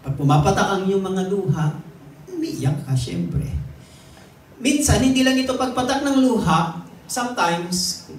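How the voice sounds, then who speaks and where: High-voiced Filipino preacher in an echoey hall. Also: male voice, animated, measured pace, long pauses, slight background noise. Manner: teaching, mixing Tagalog and English, with light jokes. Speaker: lay preacher. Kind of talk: sermon. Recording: echoey room, distant mic.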